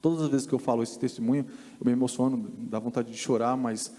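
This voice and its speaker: Earnest Brazilian man, mellow voice. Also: medium pitch, steady tone, long reverb tail. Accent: Brazilian Portuguese. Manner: earnest, halting storytelling. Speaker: podcast guest giving testimony. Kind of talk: personal faith testimony. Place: church podcast studio.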